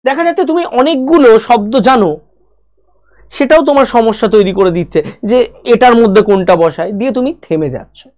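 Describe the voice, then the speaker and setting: A woman's voice: a little high, lively intonation, normal speed, darkish tone. Bengali-accented woman teaching spoken English. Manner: direct, talks to the viewer as "you", lists problems one by one. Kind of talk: spoken lesson to students.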